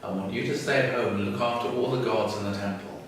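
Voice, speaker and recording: A gruff, bossy father who is quick to scold, as a man puts him on. The voice is low and heard from a distance. Strong echo rings around it. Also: slight background noise, close to an everyday voice. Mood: exasperated. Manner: exasperated, bossy. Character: irritable father, a gruff idol maker. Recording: roomy echo, far from mic.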